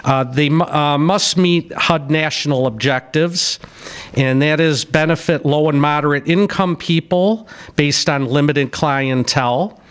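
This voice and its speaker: A middle-aged man reads out grant figures at a podium mic in a council chamber. His voice sits a bit high and sounds smooth and clear. He steps through the numbers with small fillers and restarts. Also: a little slow. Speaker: city staff presenter. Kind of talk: reading a public hearing briefing. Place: city council chamber, indoors. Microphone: podium microphone.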